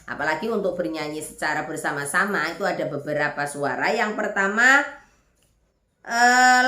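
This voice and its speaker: A woman's voice: fairly low pitch, sharp tone. A woman music teacher giving an online lesson, explaining step by step and checking that students follow. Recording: echoey room.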